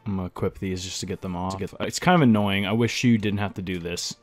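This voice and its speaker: Low-voiced playful man bantering. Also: fairly even intonation, soft background music. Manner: playful, quick questions, repeats words. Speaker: gameplay co-host. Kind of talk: casual let's-play banter.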